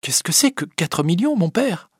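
A man's voice: sits high, sing-song, normal speed, breathy edge, no room sound, studio quality, pitched above the performer's own voice, full character voice. A man reading aloud who voices an earnest young daughter asking her father pleading questions. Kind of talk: audiobook reading.

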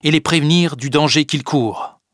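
A man's voice: fairly high pitch, normal speed, a bit bright, no room sound, studio quality, voice pushed up, close to an everyday voice. A man reading aloud and voicing a brave, resolute teenage boy who leads his friends, speaking with urgency. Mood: urgent.

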